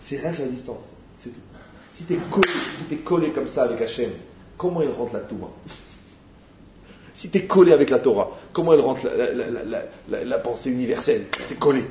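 A man's voice: mid-range voice, expressive, fairly quick, a little mellow, slight background noise. A man teaching an informal Torah lesson, talking animatedly, firing rhetorical questions and speaking straight to his listeners. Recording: echoey, dull-sounding room recording.

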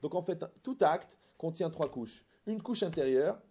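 A man giving a religious lecture to an audience, animated and full of jokes, often asking rhetorical questions. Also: fairly high pitch, unhurried, husky. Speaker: religious teacher. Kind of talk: lecture with anecdotes and humor.

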